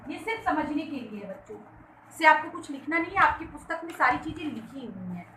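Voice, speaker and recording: A woman's voice: high voice, lively intonation, brisk, bright, forceful tone. A woman teaching a Hindi grammar lesson to schoolchildren, patient and repeating key phrases as she explains. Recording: echoey room with faint background hiss.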